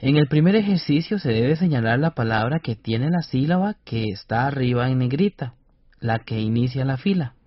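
A man's voice: medium pitch, animated, normal speed, no echo. A man co-presenting a scripted educational radio lesson, explaining carefully and over-articulating syllables. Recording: dull dry studio radio recording.

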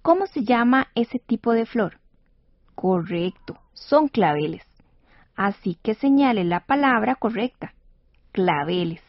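Patient woman radio teacher, slightly high voice. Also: expressive, a little slow, no echo. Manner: patient, clear, encouraging. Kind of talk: scripted educational radio lesson. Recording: dull dry studio radio recording.

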